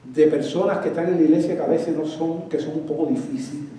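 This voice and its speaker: A man's voice: on the high side, fast talker, dark tone, very echoey, far from the mic, poor audio. A man preaching a sermon as pastor of a church, asking the congregation questions as he goes.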